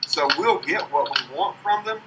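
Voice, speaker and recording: A young male player argues his point earnestly at a tabletop game. His very bright voice comes from a step away from the mic. A faint hiss sits underneath. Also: sits high, expressive, moderate pace, distant mic, rough recording. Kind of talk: casual game chat.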